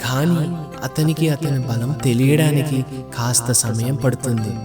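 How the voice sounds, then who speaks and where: A serene god counsels his troubled devotee in measured, consoling words, voiced by a man. Loud sitar music swells around the voice. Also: medium pitch, lightly acted. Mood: calm. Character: Lord Rama, calm wise male god. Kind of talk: cartoon comedy voice acting.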